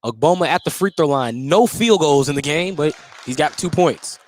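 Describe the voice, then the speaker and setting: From a noisy indoor high school basketball gym, an American announcer provides live radio play-by-play. His voice is a little high and expressive, moving at a moderate pace, and the gym noise is clearly present.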